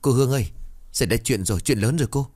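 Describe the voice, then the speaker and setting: A man's voice: on the low side, lively intonation, fast, a little mellow, husky, pitched above the performer's own voice. A man voicing a frantic older male lumber-mill worker who talks in an urgent, breathless way. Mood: alarmed.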